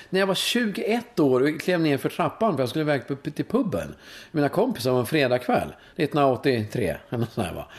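Interview guest: Swedish man in his fifties, swings his pitch widely, chatty storyteller who keeps checking in with the listener. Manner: animated storytelling, frequent "va?" tags, swearing. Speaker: guest, course leader in sexuality and breathwork. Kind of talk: conversational interview.

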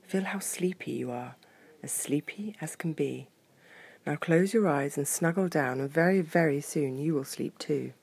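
Woman playing a gentle mother bear. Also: low-pitched, normal speed, creaky, breathy edge, heavily acted. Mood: soothing. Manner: soft, soothing, partly whispered. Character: gentle mother bear soothing her cub.

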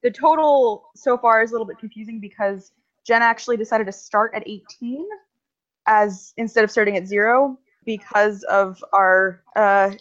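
A woman's voice: medium pitch, moderate pace, fairly bright tone. A woman co-hosting a casual chat podcast, explaining things at length with lots of ums. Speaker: podcast co-host. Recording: slightly dull lo-fi recording.

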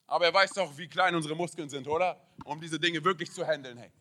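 Male pastor, high bright voice, energetic sermon delivery peppered with "hey". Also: quick pace. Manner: energetic preaching with frequent "hey" interjections.

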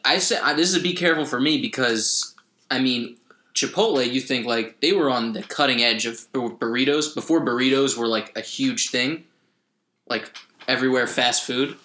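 A man's voice: medium pitch, normal speed, sharp tone, reverberant. A man hosting a casual podcast, introducing segments and explaining at length. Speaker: host.

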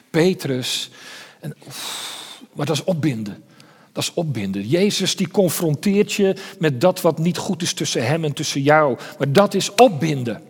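Earnest preacher man in a reverberant hall. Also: high voice. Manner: earnest, repeats words, drops to hushed tones. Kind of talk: sermon.

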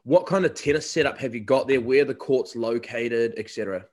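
A man's voice: mid-range voice, a little fast, darkish tone. A man from New Zealand with a New Zealand accent, a college recruiter interviewing a guest in a casual, chatty way. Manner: chatty storyteller.

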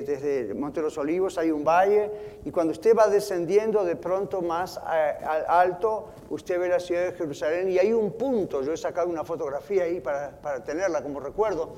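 A man preaching a sermon from the pulpit, earnest, slowing down and softening when he quotes scripture. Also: high-pitched, big-room sound. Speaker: pastor. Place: church sanctuary.

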